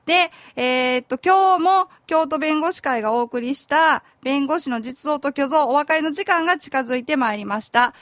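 High-voiced woman with a Kansai accent. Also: normal speed, hardly any pauses, a bit bright, no echo. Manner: chatty, informal, thinks aloud. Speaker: lawyer and radio host. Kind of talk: community radio talk show. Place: radio studio.

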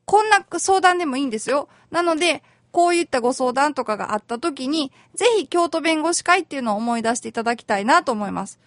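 High-voiced woman hosting a radio talk show. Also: lively intonation, fast, hardly any pauses, no echo, clean studio sound. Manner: chatty, explaining law in plain everyday terms; friendly and polite, with many soft fillers.

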